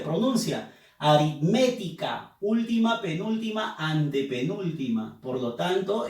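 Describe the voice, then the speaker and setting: Heard from afar in an echoey room, a man with a slightly high, darkish voice teaches young pupils the rules of accent, patiently drilling syllables and having them say each word aloud.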